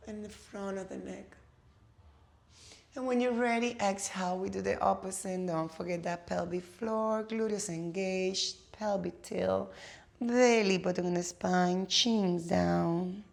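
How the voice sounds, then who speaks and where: Guiding a yoga class, a Cuban woman speaks with a Cuban Spanish accent, her native language being Spanish. She offers slow, calming cues mixed with playful asides, in a mid-range voice that has a creaky quality.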